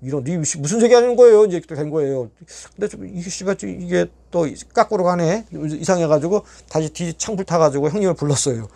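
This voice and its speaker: Middle-aged guy rattling off a story real fast, kinda high voice, swears a lot. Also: creaky. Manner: animated, acts out quoted dialogue, swears. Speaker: YouTube storyteller. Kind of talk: casual storytelling.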